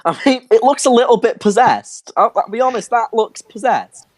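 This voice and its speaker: A man's voice: extremely high pitch, moderate pace, dry recording. A man hosting a casual podcast chat, joking sarcastically and reading steps aloud. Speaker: podcast host.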